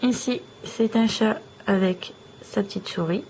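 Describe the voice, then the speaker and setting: A woman vlogger showing off small trinkets one by one in a slow, admiring show-and-tell. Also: medium pitch, background noise.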